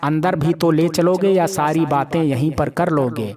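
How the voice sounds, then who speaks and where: A man voicing a gentle young daughter. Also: fairly high pitch, normal speed, crowd noise, lightly acted. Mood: affectionate.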